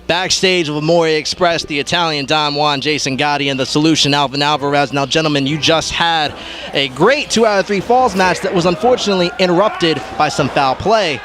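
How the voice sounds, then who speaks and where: A man's voice: on the high side, brisk, fairly bright tone, faint music behind. A man working as a backstage interviewer, asking polite, brief questions.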